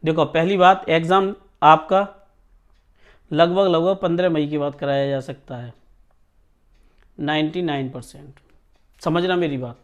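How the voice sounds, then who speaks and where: Talking informally to students about exam news, a male coaching teacher is emphatic and keeps checking that they follow along. His voice is on the high side with fairly even intonation, he speaks unhurriedly with long pauses, and the audio is dull.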